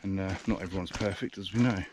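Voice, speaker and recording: Low-voiced British man walking outdoors. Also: steady tone, quick pace, background noise. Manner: rambling, hesitant, many fillers. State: out of breath. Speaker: vlogger reviewing a camera. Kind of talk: casual walking vlog. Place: outdoors in the countryside, walking by a river. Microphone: action camera's built-in mic.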